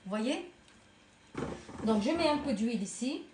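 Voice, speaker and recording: A woman with a Tunisian accent hosting a casual cooking tutorial at home, talking warmly to viewers as if to her own daughters and children. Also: on the high side, lively intonation, measured pace. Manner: chatty, addresses viewers as girls and children. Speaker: cooking channel host. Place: home kitchen. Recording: echoey kitchen with faint noise.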